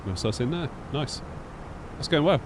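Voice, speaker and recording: A man's voice: animated, normal speed. A man live streaming a flight simulator, mixing casual chat with pilot radio calls. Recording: rumbling aircraft noise.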